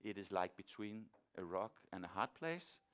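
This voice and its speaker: A man moderating a conference session, introducing speakers informally and haltingly as he searches for words. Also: sits low, expressive, fairly bright tone.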